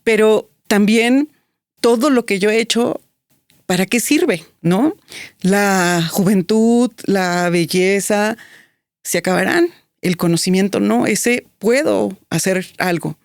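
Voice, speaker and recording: A woman's voice: mid-range voice, slow pace, no echo, studio quality. A woman, a guest telling a personal story in an interview, reflective, with many fillers and restarts. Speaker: guest, business strategist.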